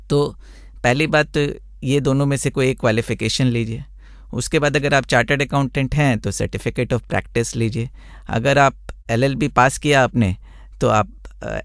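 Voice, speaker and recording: A man, a blind tax consultant, answering radio interview questions in a measured, explanatory way with many examples. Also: mid-range voice, creaky, no echo, clean studio sound.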